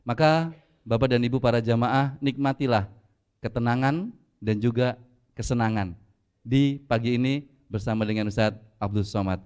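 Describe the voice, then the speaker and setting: A man's voice: medium pitch, a little mellow, clean tone. A middle-aged man giving a joking, playful sermon at a mosque gathering. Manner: playful, joking, with dramatic pauses. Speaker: preacher. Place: mosque hall.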